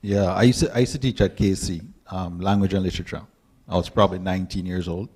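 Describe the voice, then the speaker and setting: A Jamaican man, a panel guest, telling animated stories and acting out quotes. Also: low voice, fast talker, breathy edge. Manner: animated storyteller, acts out quotes. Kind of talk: storytelling panel talk.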